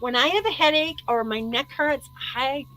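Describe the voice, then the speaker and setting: A middle-aged woman hosting a casual spiritual live stream, chatty and excitable, swearing casually and drifting away from the mic at times. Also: sits high, normal speed, soft background music, poor audio.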